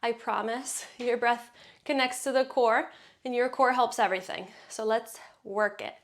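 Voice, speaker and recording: A woman fitness instructor leads a workout at normal speed, counting reps and cueing breaths in an encouraging way. Her voice is a little high with fairly even intonation, and she's slightly out of breath from exercising along.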